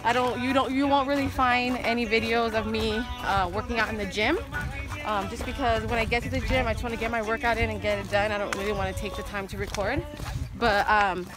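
A woman's voice: a little high, fairly even intonation, fairly quick, over music. A young woman in her twenties giving fitness tips while walking a hillside trail, talking casually with many "um" fillers. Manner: chatty, lots of "um" fillers. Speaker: fitness vlogger. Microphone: camera carried alongside while walking.

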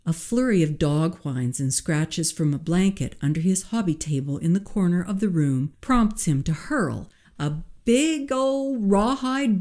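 A woman narrating a novel excerpt in a measured, expressive reading. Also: on the low side. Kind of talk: audiobook reading.

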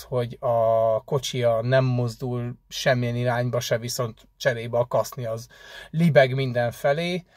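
A man rambling conversationally in a casual vlog, pausing often with hesitation fillers. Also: medium pitch, a little mellow, no room sound. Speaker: delivery van driver vlogger.

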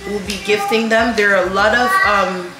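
A woman's voice: medium pitch, steady tone, normal speed, echoey room, over loud music, low-quality recording. A woman in her thirties co-hosting a family vlog, chatting to camera with many ums and restarts. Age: 30s. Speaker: vlog co-host, mother. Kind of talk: casual chat to camera. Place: indoor room in front of a lattice-patterned wall.

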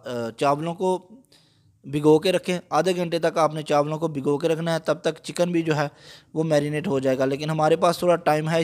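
A man calmly explaining a recipe step by step, patient, with frequent small fillers. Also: fairly high pitch. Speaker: cooking channel host. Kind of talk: step-by-step cooking instruction.

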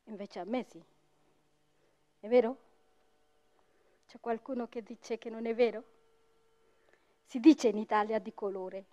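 Brief: woman storyteller on stage, expressive and unhurried, mellow and fairly high voice, dull recording with faint music behind. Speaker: storyteller and writer. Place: theatre stage.

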